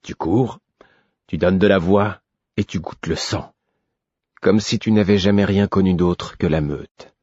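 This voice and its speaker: Guy reading as gruff stern stablemaster, low husky menace, blows up loud when mad, dry flat recording. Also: measured pace, no echo, highs cut off. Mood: brooding, menacing. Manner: low brooding menace, rising to roaring anger. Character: gruff grown man, stern stablemaster, drinking, bitter.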